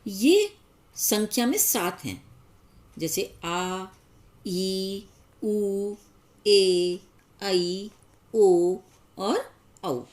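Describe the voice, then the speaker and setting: A woman teacher giving a grammar lesson, explaining step by step and pausing on each example. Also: mid-range voice, darkish tone.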